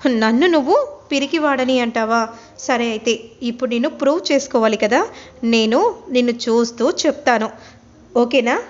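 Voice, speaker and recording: A woman's voice: on the high side, normal speed, pauses often, close to an everyday voice. A woman voicing an earnest, lovesick young man who keeps pleading for an answer, in a retold serial story. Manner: pleading, insistent. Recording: dull lo-fi recording.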